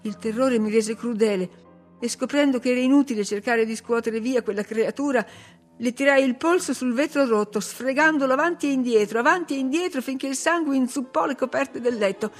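A woman reading a novel aloud as audiobook narrator, in measured, dramatic storytelling. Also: on the high side, faint music behind. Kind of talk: expressive literary narration.

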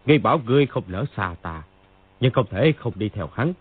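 A man voicing a grief-crazed old stranger in an audiobook, brooding and bursting into angry shouts, with a raspy voice. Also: fairly low pitch, sing-song, brisk, no echo. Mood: raging. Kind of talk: audiobook character voice. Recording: tinny phone-like, dry.

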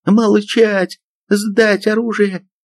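A man's voice: mid-range voice, very animated, moderate pace, dry recording, voice pushed up. A man voicing a young female army sergeant who shrieks commands in an audiobook. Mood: shrill commanding.

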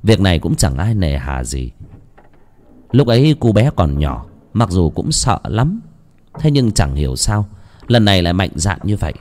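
A man narrating a horror story in a dramatic, expressive way. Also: low-pitched, moderate pace.

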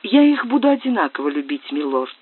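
Man voicing a gentle secretive young noblewoman. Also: sits high, big pitch swings, fairly quick, breathy edge, pitched above the performer's own voice, exaggerated voice. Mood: tender. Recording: tinny phone-like sound, dry.

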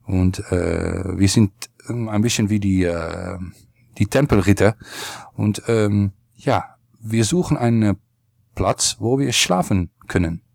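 A low-voiced man speaks with a Dutch accent and a lot of fry in a very dry sound. He is polite and hesitant, feeling his way deadpan through an enquiry as a podcast prankster. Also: slow, no echo. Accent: Dutch accent in German. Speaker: podcast host making a prank phone call. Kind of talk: deadpan, halting phone enquiry.

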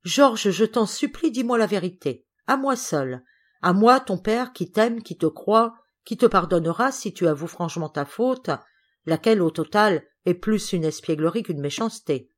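Audiobook father, earnest and pleading, read by a woman, low-pitched. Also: lively intonation, normal speed. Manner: pleading, earnest, easily upset. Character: gentle anxious aristocratic father, middle-aged man. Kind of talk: audiobook character reading.

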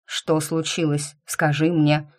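A calm male academy rector in a storybook, as a woman narrator reads him. The voice is lowish, soft and slow. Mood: soothing.

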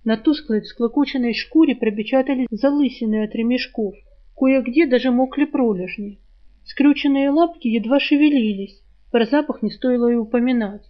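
A woman narrates a fantasy novel in steady, even storytelling. Her voice sits fairly high for a woman. The recording sounds dull and lo-fi. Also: normal speed. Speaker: audiobook narrator. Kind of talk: scripted narration.

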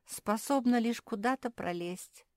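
A woman voicing a tiny, gloomy female jerboa in a storybook, with a squeaky, sulky voice. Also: expressive, normal speed, dry recording, studio quality, lightly acted. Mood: glum.

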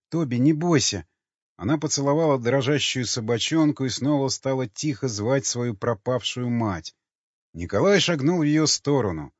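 Brief: male narrator, mid-pitched, even reading, slightly dull recording. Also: no room sound. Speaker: audiobook narrator. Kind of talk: scripted narration. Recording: slightly muffled with faint music.

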